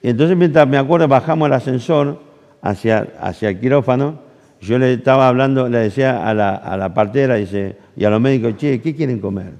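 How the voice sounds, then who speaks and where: Argentine pastor in a reverberant hall. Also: male voice, medium pitch, brisk. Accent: Argentine Rioplatense Spanish. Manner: animated storytelling, acts out dialogue, asks the audience questions. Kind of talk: sermon with personal anecdote. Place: church camp hall.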